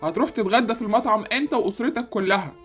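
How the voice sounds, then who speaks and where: Woman as a rapid-fire Egyptian male school principal. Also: mid-range voice, expressive, faint music behind, natural voice. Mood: proud, congratulatory. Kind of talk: amateur game-animation story acting.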